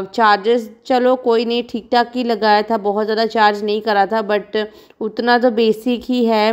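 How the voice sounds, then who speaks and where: A woman's voice: fairly high pitch, clean tone, muffled recording. A woman in her thirties from India, a vlogging mother chatting frankly and rambling as she talks over her own footage. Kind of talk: casual chat narrating vlog footage.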